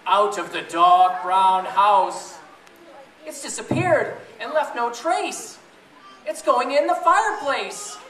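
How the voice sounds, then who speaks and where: Heard from a distance in an echoey, noisy school room, a man gives an animated read-aloud to a group of families. This children's book reader and blogger speaks slowly in a very high, pushed, bright voice, playing it theatrical and quizzing his audience.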